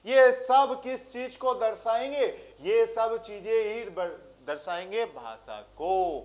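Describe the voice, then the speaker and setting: Lively, high-voiced Hindi tutor quizzing himself. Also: male voice, slow pace. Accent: rural Hindi. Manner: rhetorical questions answered himself; speaks with a village-style way of talking. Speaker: teacher. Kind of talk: exam-prep lecture.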